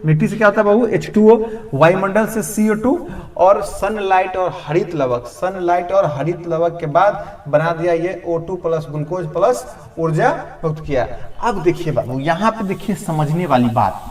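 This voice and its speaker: A male teacher with a Bihari Hindi accent runs a classroom lesson, firing a question at his students and answering it himself again and again. His voice sits a little high. He sounds set back from the mic in a roomy, echoing classroom. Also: a little mellow. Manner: drills students with repeated questions, calling them "babu". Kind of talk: classroom lecture at a board. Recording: roomy echo from a distant mic.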